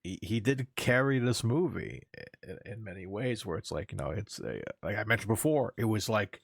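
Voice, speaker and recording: A man's voice: lowish voice, animated, moderate pace, creaky, slightly rough, dry recording, studio quality. A man co-hosting a podcast, rambling casually with lots of filler words. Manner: rambling, lots of "like" and "you know". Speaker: podcast co-host. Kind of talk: casual chat.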